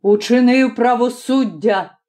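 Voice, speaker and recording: Woman doing stern middle-aged father, slow hard commands, mellow dark voice, storybook. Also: fairly high pitch.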